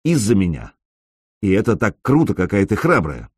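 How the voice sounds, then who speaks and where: Man voicing a calm, tender young gamer. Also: normal speed, husky, no room sound, clean studio sound, full character voice. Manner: soft, low and reassuring.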